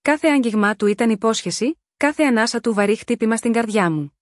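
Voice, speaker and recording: A woman's voice: fairly high pitch, expressive, no room sound, clean studio sound. Woman narrating a sensual romance story. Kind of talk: scripted first-person romance narration.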